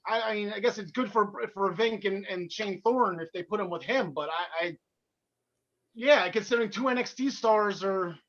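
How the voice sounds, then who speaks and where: A podcast co-host with a North Jersey accent races through his thoughts on the show in a casual wrestling chat, excitable and stumbling into restarts. His voice is high, bright, and edgy. The recording sounds muffled and lo-fi.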